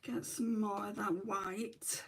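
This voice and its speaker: A middle-aged woman from northern England chats casually through a makeup livestream, reading out comments and muttering to herself as she works, and mentions she's in back pain. Her mid-range voice moves slowly with fairly even intonation over heavy background noise. She comes across as chatty and self-deprecating.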